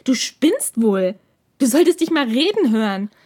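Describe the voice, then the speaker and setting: A woman voicing a young male student who pleads and then shouts in anger, with her voice pitched up. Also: big pitch swings, measured pace, heavily acted. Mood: furious.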